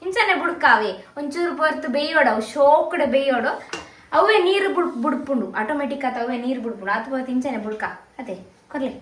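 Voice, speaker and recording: A woman's voice: sits high, expressive, brisk, fairly bright tone, recorded from a distance, a little hiss or hum. A woman cooking at home, chatting casually and joking. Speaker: home cook on a family vlog. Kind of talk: casual kitchen chat. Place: home kitchen. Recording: roomy kitchen, a bit off-mic.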